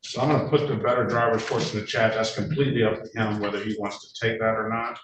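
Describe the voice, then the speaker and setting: A man's voice: lowish voice, steady tone, fast talker. A male judge presiding over a court hearing, talking in a procedural way with frequent uh and um fillers, heard on a courtroom recording. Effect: courtroom recording from a distant room mic. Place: courtroom or judge's meeting room, indoors. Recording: echoey room, distant mic, faint noise.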